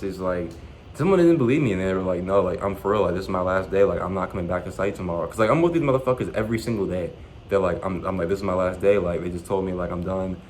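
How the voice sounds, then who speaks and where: A young man with a low-pitched voice rattles off a story at a quick clip, full of slang and swearing. He acts out what everyone said to him. A faint hum of ambience sits behind him. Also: rough recording. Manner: animated, profane, slangy retelling with quoted dialogue. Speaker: vlogger. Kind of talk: casual storytelling.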